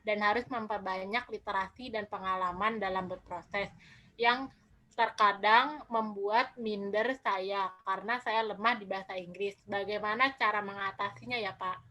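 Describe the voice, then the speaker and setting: A woman's voice: mid-range voice, steady tone, normal speed, bright, forceful tone, low-quality recording. A woman moderating an online session, reading out audience questions and chatting back. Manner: reads questions aloud and joins the banter.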